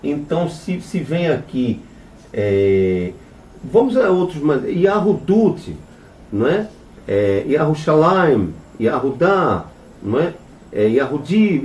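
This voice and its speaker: A man's voice: a little high, a little mellow. A man teaching a religious class as a rabbi. He spells Hebrew letters and vowel marks out one by one, asks "right?" after nearly every phrase, and turns emphatic when he rejects false claims. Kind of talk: religious lesson on Hebrew names. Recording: echoey room, mic at a distance.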